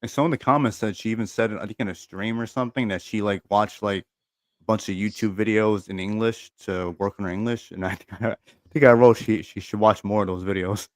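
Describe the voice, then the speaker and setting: A man's voice: on the low side, steady tone, brisk, no room sound, clean studio sound. A man with a lisp hosting a podcast in casual chat, laid-back, reading out chat comments and laughing often.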